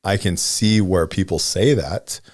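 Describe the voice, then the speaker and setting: A man in his forties co-hosts a casual podcast, thinking aloud and frequently checking in with "right?" and "you know." His voice is low and a little slow, recorded with clean studio sound and no echo.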